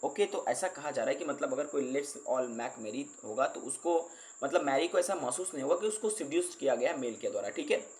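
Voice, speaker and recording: A male teacher who explains an English book line by line, reading the English passages slowly before explaining them. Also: fairly high pitch, animated, a little mellow.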